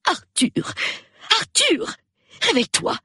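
A woman's voice: very high-pitched, sing-song, slow pace, sharp tone, no room sound, clean studio sound, pitched above the performer's own voice, full character voice. A man voicing an insistent middle-aged lady of the house, pleading with her sleepy husband in a storybook reading. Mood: urgent.

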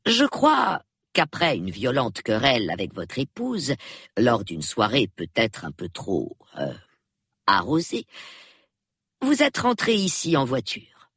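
A man's voice: mid-range voice, slightly rough, dry recording, studio quality, heavily acted. Man doing a prim, shrewd old spinster. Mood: calm, knowing. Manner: measured, precise and calmly reproving. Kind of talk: audiobook character voice.

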